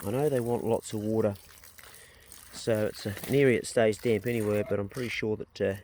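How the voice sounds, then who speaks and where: A man's voice: fairly low pitch, steady tone, fairly quick, a little mellow, a little hiss or hum. A man with a broad New Zealand accent chatting casually to his vlog, plain-spoken and rambling as he thinks aloud. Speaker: vlogger and landowner. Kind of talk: casual outdoor vlog chat.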